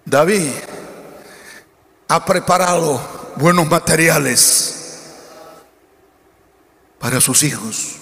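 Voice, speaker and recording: A male pastor with a high, bright and forceful voice preaches emphatically, piling up repeated lists and rhetorical questions. His voice rings through a church hall with a long echo and a faint murmur of the room behind him. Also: very slow, vocal fry, pauses often. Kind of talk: sermon.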